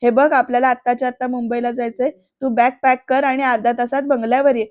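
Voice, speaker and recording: A woman's voice: on the high side, level tone, fast talker, dry recording, muffled recording, lightly acted. A woman voicing a brusque, sarcastic young male boss who gives orders. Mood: sarcastic bossy.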